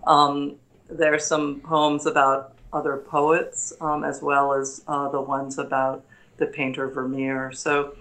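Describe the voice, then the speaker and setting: A woman's voice: sits low, flat delivery, slow pace, a bit bright, low-quality recording. A woman poet and teacher speaking as a guest, reading and talking about poetry. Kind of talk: poetry reading and interview talk.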